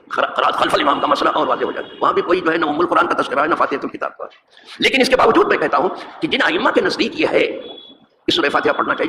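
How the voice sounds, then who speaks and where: Man, imam, religious lesson, higher voice, rhetorical, echoey mosque hall, background noise. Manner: animated, rhetorical questions, recites verse. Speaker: mosque imam teaching hadith.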